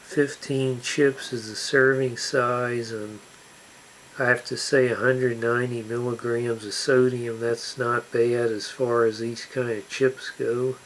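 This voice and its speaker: A man hosting a casual food review to camera, speaking in a deliberate, emphatic way with drawn-out words. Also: medium pitch, little pitch movement, a bit bright, slight background noise, rough recording. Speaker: snack review channel host.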